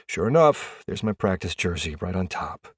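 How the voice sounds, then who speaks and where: Brief: young male narrator for a first-person audiobook, low voice with lots of movement, dry close recording. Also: sing-song, normal speed, breathy edge, no room sound.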